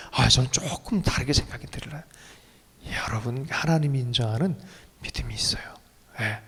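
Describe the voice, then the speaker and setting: A man preaching as pastor of a church, emotional and leaping to sudden high bursts. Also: normal speed, fairly bright tone, breathy edge. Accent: Korean. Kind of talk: sermon. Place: church sanctuary. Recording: long reverb of a church hall.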